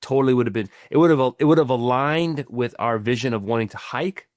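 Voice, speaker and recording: Brisk and darkish in tone, this medium-pitched male voice belongs to a middle-aged financial planner co-hosting a podcast. He explains ideas casually, restarting often and tacking "right?" onto many sentences. The audio is studio quality with no echo.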